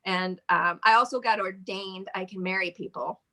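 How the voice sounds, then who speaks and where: A Michigan woman in her forties who owns a modeling agency chats as a guest in a casual interview, rambling and laughing often. Her mid-range voice keeps a steady, sharp tone at a normal speed.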